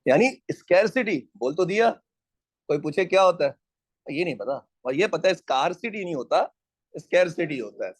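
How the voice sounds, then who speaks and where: A man's voice: a little high, lively intonation, moderate pace, husky, dry recording. A man teaching an economics class in a casual, joking way, drilling his students on pronunciation.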